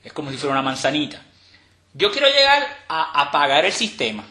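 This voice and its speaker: A man teaching a step-by-step tutorial in a relaxed, explanatory way, with fillers and restarts. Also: a little high, fairly quick. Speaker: instructor demonstrating a screen reader. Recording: roomy echo.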